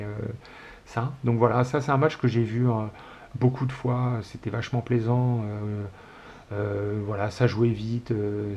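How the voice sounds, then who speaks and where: Guy from france in his 40s, gravelly lowish voice, rambly and full of euhs, dull recording w a bit of hiss. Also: darkish tone. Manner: rambling, many hesitations, fond and nostalgic. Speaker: show host. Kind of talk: casual solo retro sports chat.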